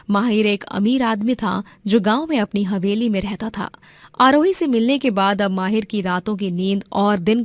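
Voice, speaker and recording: A woman's voice: mid-range voice, dry recording. Dry-voiced woman narrating a story.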